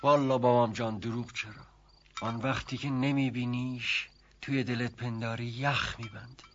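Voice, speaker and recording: A man's voice: mid-range voice, fairly even intonation, fairly bright tone, a little hiss or hum, natural voice. Old rustic servant, played by a man, folksy and rambling, muffled old TV audio. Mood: musing storytelling. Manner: folksy, rambling, hesitant then emphatic. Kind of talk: 1970s TV drama acting.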